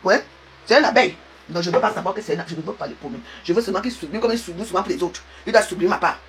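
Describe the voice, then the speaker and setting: A woman's voice: on the low side, animated, very fast. A woman, rambling and teasing in a casual live-stream rant. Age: 50s. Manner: chatty, rambling, teasing, addresses viewers directly. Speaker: social media live streamer. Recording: noisy live-stream audio.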